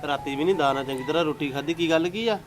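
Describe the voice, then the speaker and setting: A man playing a gentle brother who talks to his sister in a calm, reassuring way. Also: fairly high pitch, quick pace, soft background music, lightly acted. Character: gentle brother, easily swayed by his wife.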